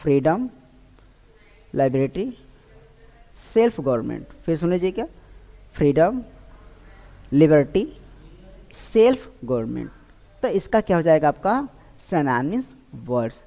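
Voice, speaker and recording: Mellow-voiced male teacher in a reverberant room. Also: fairly high pitch, sing-song, a little slow, gravelly, pauses often. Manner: quizzes himself aloud and repeats each answer. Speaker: English vocabulary teacher. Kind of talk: online exam-prep lesson. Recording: long hall-like reverb.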